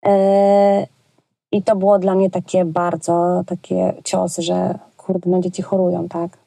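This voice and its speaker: Woman from Poland, children's entertainer, chatty and informal, warm mellow tone, dry close sound. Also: on the low side, completely flat delivery, slow pace, creaky, no echo. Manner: chatty and colloquial, frequent hesitations. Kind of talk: casual interview chat.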